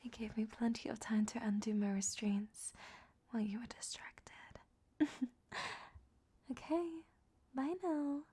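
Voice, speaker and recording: She's a woman portraying an ancient vampire who flirts and schemes in a roleplay audio drama, her soft, breathy half-whisper full of teasing sarcasm. The voice runs somewhat high and a little slow with long pauses, and she sounds smug.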